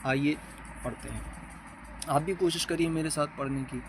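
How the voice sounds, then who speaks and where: Man, Quran reading teacher, fairly high voice, patient, explanatory, spells out letters slowly, faint traffic noise behind. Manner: patient, repeats terms and checks with "okay?"; slowly sounds out Arabic letters one by one. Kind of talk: explanatory lesson for beginners.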